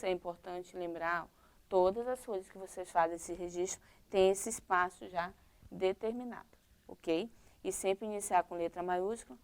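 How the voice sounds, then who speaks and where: A smooth, lowish-voiced woman teaches a primary-school lesson with a Brazilian Portuguese accent, walking through it step by step and checking in with "tá?" and "ok?".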